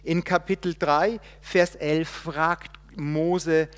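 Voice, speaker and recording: German preacher swinging loud to soft. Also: male voice, on the high side, fairly even intonation, very slow, clean tone, long reverb tail. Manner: swings between loud emphatic quotes and quiet reflective asides; restarts and hesitates while looking up verses. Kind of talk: sermon.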